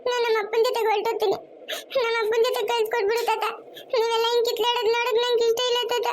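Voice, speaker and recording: A woman's voice: very high-pitched, little pitch movement, rapid-fire, a little hiss or hum. Woman voicing a tearful little girl. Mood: tearful pleading. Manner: pleading, sobbing speech. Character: young girl, tearful and pleading. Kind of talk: family cartoon voice acting.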